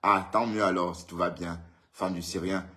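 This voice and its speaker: A man's voice: low-pitched, steady tone, moderate pace, bright, forceful tone. A man hosting a casual live stream, greeting viewers by name and teasing them in a chatty way. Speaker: livestream host. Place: indoors, at home in Europe.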